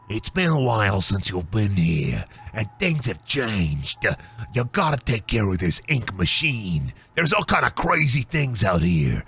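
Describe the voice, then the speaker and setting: A man's voice: on the low side, creaky, fairly bright tone, slightly rough, full character voice. A man voicing a scheming cartoon wolf who acts as a shady pal, talking in a wheedling, streetwise way and demanding favors. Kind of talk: improvised comedic character voice.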